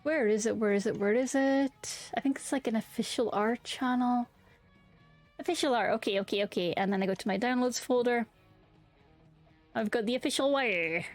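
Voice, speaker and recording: A young woman chats casually while streaming a game, her voice a little high and her pace moderate, with soft music in the background. She talks candidly and swears freely, often restarting sentences as she rambles.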